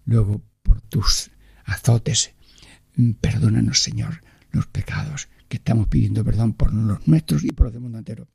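Male radio preacher with a dark, mellow tone and a dry, close studio sound, halting and devotional, at times hushed to a whisper. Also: fairly low pitch, creaky, slightly rough, dry recording. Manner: halting, with many pauses and fillers; often sinks to a hushed whisper. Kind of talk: devotional radio sermon and prayer.

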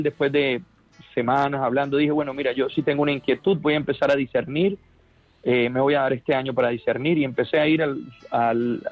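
A Colombian man, a priest, tells his story over the radio in an earnest, fervent way, often stumbling and restarting. His voice sits at an ordinary middle pitch. The sound is dull and lo-fi, with soft music underneath. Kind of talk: radio interview testimony.

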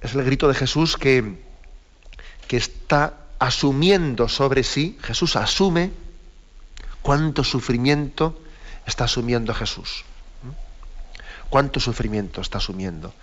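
A man giving a catechism commentary on the radio, explaining a text he reads out in parts and pausing to reflect. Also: medium pitch, a bit bright. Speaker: bishop giving catechism talk. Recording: slightly dull radio broadcast.

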